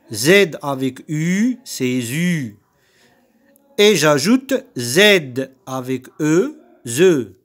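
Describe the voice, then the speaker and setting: A man with a Moroccan French accent teaching young children to read, saying words and syllables slowly and repeating each one. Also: fairly high pitch, a bit bright. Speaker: primary school teacher. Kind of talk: slow recorded reading lesson for young children.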